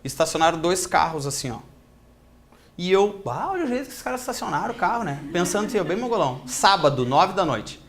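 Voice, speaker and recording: A man's voice: sits high, fast. A male teacher, telling an anecdote animatedly to a classroom and acting out the voices. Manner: animated storytelling, acts out quoted voices. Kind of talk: classroom lecture with a told anecdote.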